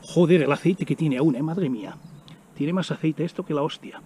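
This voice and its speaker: A man's voice: on the high side, normal speed, warm tone, a little hiss or hum. A middle-aged man from chatting casually to the camera while snacking outdoors in the woods, often exclaiming as he eats. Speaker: vlogger. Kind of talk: casual outdoor vlog narration. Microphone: camera on the ground in front.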